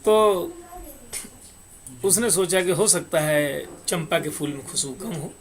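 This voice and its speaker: A man's voice: fairly high pitch, slow. A man telling a moral parable and explaining its lesson, speaking straight to his listeners. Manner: explains plainly and addresses listeners directly. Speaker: moral storyteller. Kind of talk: moral parable talk with sung verses.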